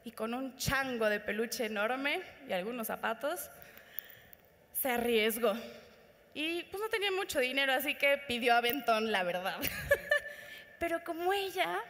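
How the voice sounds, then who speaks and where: A woman with a Mexican accent telling an inspirational story to an audience at a conference. She speaks in an animated way and talks straight to the listeners. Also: sits high, normal speed. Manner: animated, addresses audience directly. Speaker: motivational speaker. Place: conference hall. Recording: reverberant conference hall.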